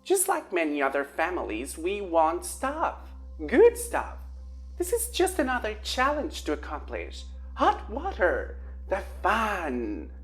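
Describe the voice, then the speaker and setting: A woman voicing a dreamy, hot-tempered teenage girl witch in an audiobook, excitable and sarcastic. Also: very deep voice, soft background music, exaggerated voice. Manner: excitable and sarcastic, shifting to slow chanting for spells.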